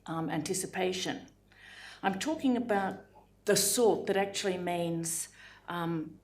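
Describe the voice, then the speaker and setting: A woman, a judge giving a formal lecture in a measured, deliberate way with frequent pauses. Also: fairly low pitch, darkish tone. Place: lecture room.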